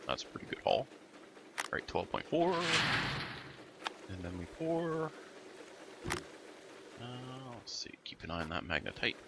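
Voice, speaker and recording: A man with a gravelly early-morning voice gives casual commentary over a game he is playing, rambling and muttering to himself as he goes. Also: medium pitch, big pitch swings, normal speed, pauses often, heavy background noise. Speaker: let's play host.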